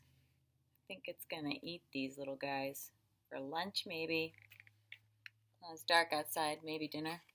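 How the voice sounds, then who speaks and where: A woman teacher with a low voice reads a picture book aloud to young children, expressively and instructively, stretching words to stress them and pausing to ask questions. A little hiss or hum can be heard in the recording.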